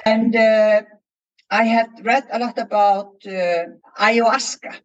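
A woman's voice: on the high side, steady tone, slow pace, muffled recording. Icelandic woman, hesitant and searching. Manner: hesitant, many fillers and restarts while searching for words. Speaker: crime novelist guest. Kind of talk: casual panel chat.

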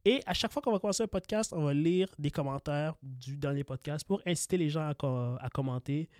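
A man's voice: a little high, brisk, a little mellow, no echo, clean studio sound. A man with a Québécois accent hosting a casual couple's podcast late at night, joking and stammering, a bit tired. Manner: joking, stammering, playful boasting. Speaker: podcast host. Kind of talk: casual chat.

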